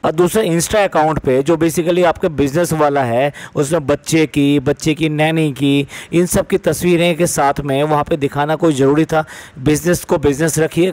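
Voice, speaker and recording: A man's voice: a little high, dry recording. A man giving mocking, sarcastic commentary on a vlogging family's behaviour.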